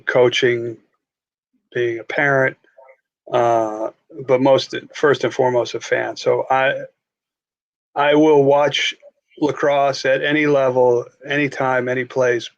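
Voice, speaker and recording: A man's voice: medium pitch, muffled recording. A man from Long Island with a Long Island accent, chatting as an interview guest about sports, with restarts and fillers. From New York, Long Island. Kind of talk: casual interview chat.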